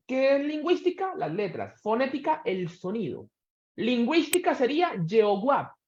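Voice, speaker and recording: A man teaching a church Bible class, quizzing his students and slowing down to stress key words. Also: very high-pitched. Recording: echoey room, dull sound.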